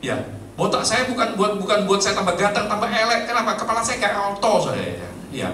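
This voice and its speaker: A man preaching a humorous church sermon, joking and swinging between loud and low. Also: sing-song, brisk. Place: church hall. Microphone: handheld mic with battery trouble. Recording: echoey hall, mic far off, noisy.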